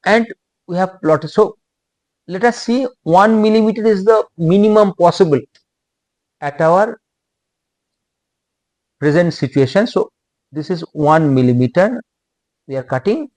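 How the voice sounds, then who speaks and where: Slow, halting Indian-accented male lecturer. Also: high-pitched, animated, darkish tone, no room sound. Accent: Indian English. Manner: slow, halting, repeats phrases.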